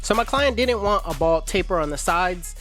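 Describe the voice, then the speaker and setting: A man's voice: sits high, animated, moderate pace. A man who is a barber hosts a casual haircut tutorial, talking in a laid-back, slangy, chatty way in his shop. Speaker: barber and channel host. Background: music.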